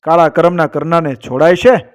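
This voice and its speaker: A furious, commanding king, as a man puts him on in a told folk tale, barking orders in a raised voice. He sounds fairly high for a man. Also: fairly even intonation, normal speed, clear, resonant tone, lightly acted. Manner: shouting orders. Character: angry commanding male king.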